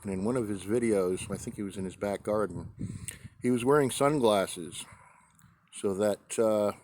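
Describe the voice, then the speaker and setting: American guy w a lowish voice rambling out on his deck, lots of pauses mid sentence, casual vlog. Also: background noise. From New England, United States. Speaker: pipe-smoking video host. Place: outdoors on a deck in a light breeze.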